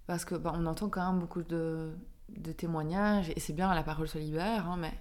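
A woman in her thirties with a Belgian French accent, telling a personal story as a podcast guest, animated and often laughing. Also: low-pitched, a little fast. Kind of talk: casual chat.

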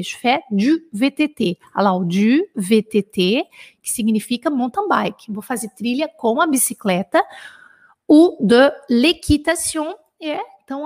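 A woman in her thirties from Brazil, a French teacher leading a live dictation lesson, lively, spelling out words slowly and repeating them. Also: a little high.

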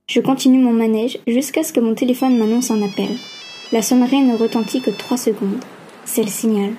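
A woman narrating a first-person novel aloud in an even, steady reading. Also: on the high side, a little hiss or hum. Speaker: audiobook narrator.

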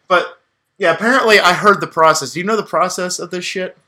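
A man's voice: high voice, brisk, pushed and bright. A man co-hosting a casual sports podcast, ranting in a rambling, profane, jokey way. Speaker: podcast co-host.

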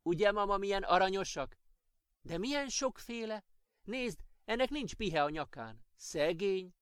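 A man's voice: sits high, animated, fairly bright tone, smooth, dry recording, clean studio sound, pitched above the performer's own voice. A man voicing an eager, chirpy little girl in a children's audiobook.

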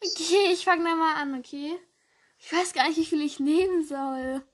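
A woman's voice: high voice, normal speed, dry recording. A young woman reading a children's story aloud and then chatting casually, laughing at her own slips. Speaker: vlogger. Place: indoors, sitting on a bed.

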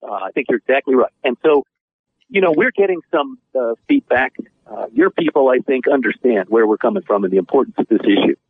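Man calling in by phone as an attorney guest: slightly husky, earnest and measured, thin phone-line sound. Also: medium pitch, lively intonation, dry recording. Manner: earnest, measured, frequent filler pauses. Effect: over the phone. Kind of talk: radio interview guest. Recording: tinny dry phone line.

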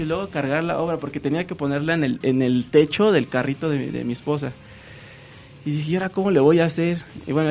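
Animated Mexican man telling a story. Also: a little high, muffled recording. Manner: animated, acts out quoted dialogue. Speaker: guest painter. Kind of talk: casual storytelling.

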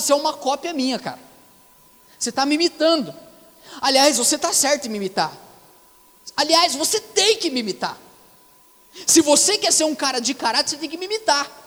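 A man with a Brazilian Portuguese accent preaching a youth sermon, lively and slangy, asking the audience questions. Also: very high voice. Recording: long reverb of a hall.

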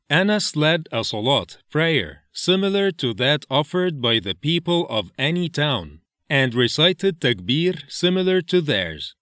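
A man reading scripture slowly and deliberately, with a lively, rising and falling melody. The sound is dry and close, with no room around it. He stops to explain each Arabic term in plain English. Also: mid-range voice, dry recording. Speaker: reader of hadith translations. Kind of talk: slow measured scripture reading.

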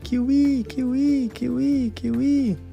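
Woman voicing Luca, a high pleading little boy. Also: fairly even intonation, slow pace, vocal fry, dark tone, soft background music, full character voice. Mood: calling. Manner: high, pleading repeated calls. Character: small excited boy calling out.

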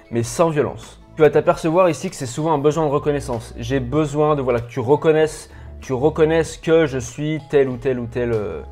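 Stammering French man teaching, soft music. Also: mid-range voice. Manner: stammering, many restarts and repetitions, rambling; informal, uses tu with the viewer. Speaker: personal development coach. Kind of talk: improvised video lesson, addressed directly to the viewer.

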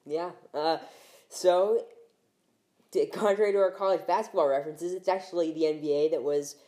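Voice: medium pitch, fairly even intonation, moderate pace, dark tone. A podcast host leading a casual basketball conversation and prompting a co-host with questions. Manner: leading questions, steering the chat. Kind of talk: casual sports talk.

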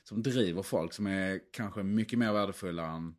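A man asks questions in a casual interview, with a somewhat low voice. He hesitates and searches for his words as he goes.

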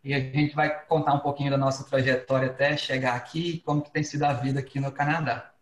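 A man's voice: mid-range voice, flat delivery, fast talker. A man from Goiânia with a Goiás accent, a podcast guest telling his story in a friendly way. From Goiânia, Brazil. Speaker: podcast guest, immigration consultant. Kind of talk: casual podcast conversation. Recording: echoey room.

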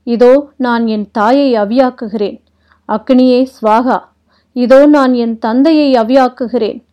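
A woman voicing a stern, controlled male warrior prince from a storybook epic, speaking in a measured, solemn way. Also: a little high, mellow. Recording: dull lo-fi recording.

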